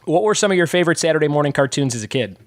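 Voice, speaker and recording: A man in his thirties hosting a casual trivia podcast from a home room, chatty and upbeat with quick laughs. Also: fairly high pitch, animated, no room sound, clean studio sound. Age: 30s. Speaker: podcast host.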